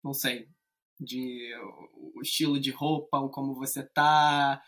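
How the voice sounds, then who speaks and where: A man from Rio de Janeiro with a Carioca accent, chatting as a guest in a relaxed, hesitant way with many fillers. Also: mid-range voice, unhurried. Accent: Carioca Brazilian Portuguese. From Rio de Janeiro, Brazil. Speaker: guest, English teacher. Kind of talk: casual chat.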